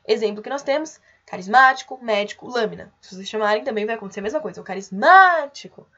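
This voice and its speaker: A young adult woman teaching an online grammar lesson, explaining patiently and clearly and calling out example words. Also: on the high side, rapid-fire, a bit bright, dull audio.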